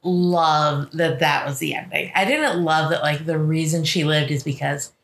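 A woman's voice: low voice, normal speed, a bit bright. A woman co-hosting a podcast, chatting in a laid-back way with dry asides. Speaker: podcast co-host. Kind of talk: casual chat. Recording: roomy echo.

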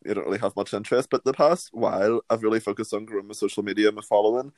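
A man's voice: on the low side, steady tone, very fast, darkish tone, no echo. A young man and drag performer in his twenties, chatting casually on a podcast, laughing often and swearing casually.

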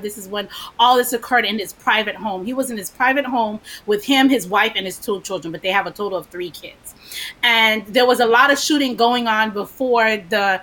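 A woman from Florida speaking as a guest co-host on a talk show, earnest and measured. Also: on the high side, a bit bright. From United States, Florida.

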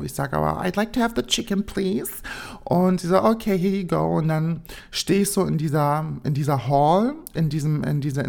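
A woman's voice: deep voice, darkish tone. A woman vlogger telling an imagined story in the first person, rambling and dreamy with lots of fillers. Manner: rambling, full of so and ähm fillers; dreamy, daydreaming tone.

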